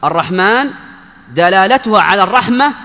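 High bright-voiced man teaching in a hall. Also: animated, moderate pace. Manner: emphatic, poses and answers own questions. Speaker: religious teacher. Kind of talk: Islamic grammar lesson.

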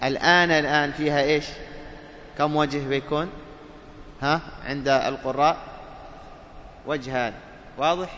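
A man teaches Quran recitation, walking the class through each point, putting questions to them and then answering them himself. He slowly draws out the sounds he demonstrates. The recording is dull and lo-fi, with a long hall reverb and faint hiss. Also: a little high, fairly even intonation, sharp tone. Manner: explains step by step, asks and answers his own questions. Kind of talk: classroom lesson on tajweed.

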